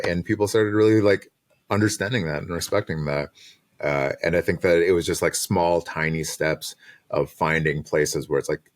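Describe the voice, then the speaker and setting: A man in his thirties with an exceptionally deep, low voice talks through his experiences in a relaxed, reflective way. He laughs easily and fills his sentences with "uh" and "like" as he thinks aloud. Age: 30s. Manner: relaxed, reflective, laughs often, many fillers like uh and like. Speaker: design manager and podcast guest. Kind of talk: casual conversational interview.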